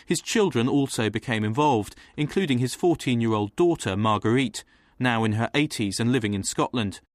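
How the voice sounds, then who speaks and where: A man giving scripted documentary narration in a measured, even delivery. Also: mid-range voice, no echo.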